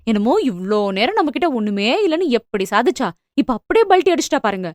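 A woman voicing a spiteful young woman who mocks her younger sister in fast, scornful speech. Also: on the high side, big pitch swings, dry recording, studio quality. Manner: mocking, quick, scornful.

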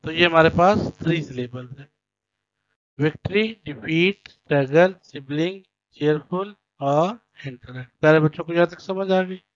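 A male teacher from Pakistan explains a school lesson to young children. He reads each point, translates it, repeats key words slowly and checks that the children follow. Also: fairly high pitch, no echo. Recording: dull lo-fi recording.

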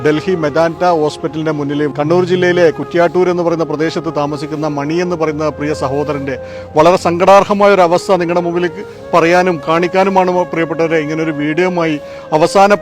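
A man's voice: a little high, steady tone, fast. A man hosting an urgent charity appeal, pleading fervently outside a hospital at night. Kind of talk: emotional fundraising appeal. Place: outdoors in front of a hospital at night. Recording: music playing behind the voice.

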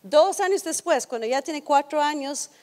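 A woman's voice: high voice, animated, moderate pace, darkish tone. A woman giving a conversational lecture to an audience, often putting questions to the listeners. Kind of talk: educational talk to an audience. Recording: hall reverb.

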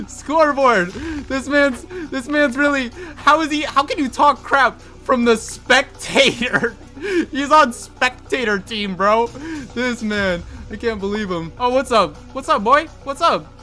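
A young man giving excitable gameplay commentary, laughing often and trash-talking opponents. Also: very high voice, slow pace, soft background music. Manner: excitable trash-talk, frequent laughing, says bro constantly. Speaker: gaming video creator.

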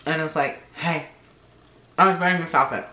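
A man's voice: a little high, fairly even intonation, moderate pace, sharp tone. Young man talking with his mouth full. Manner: rambling, heavy use of "like". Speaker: vlogger. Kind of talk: casual mukbang chat to camera. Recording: echoey room with faint noise.

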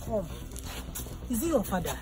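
Woman, lively coaxing voice, music behind. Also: medium pitch, moderate pace. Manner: pleading, calming tone. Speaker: friend. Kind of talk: comedy skit acting.

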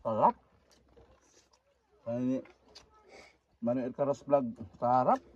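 Isang lalaking vlogger na ngumunguya habang nagsasalita, kaswal na nagbibigay ng mga shout-out sa gitna ng pagkain. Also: male voice, medium pitch, very slow, lo-fi sound. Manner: casual shout-outs between bites. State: chewing while talking. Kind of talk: mukbang eating vlog.

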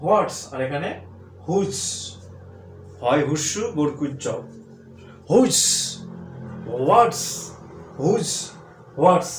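A man with a Bangladeshi accent who teaches English, drilling example phrases by saying them over and over, loud and drawn out. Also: fairly high pitch, animated, slow, pauses often, a little hiss or hum. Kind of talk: spoken English lesson. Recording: echoey room.

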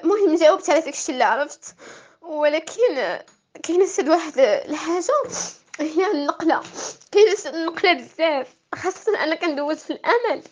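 A young woman student with a Moroccan accent, crying and upset, venting angrily in broken, halting phrases in a personal voice message. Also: very high voice. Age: teenager to young adult, final-year high school student.

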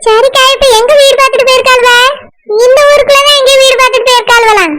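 A woman's voice: very high voice, fairly even intonation, very fast. A woman voicing a meek, curious village woman in a cartoon, with a Tirunelveli accent, fawning and asking prying questions. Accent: Tirunelveli Tamil. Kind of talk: cartoon voice acting. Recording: loud background noise.

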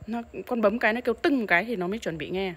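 A woman's voice: mid-range voice, racing, a bit bright, husky. A mother coaching her child at home, patiently repeating and stressing sounds for pronunciation practice.

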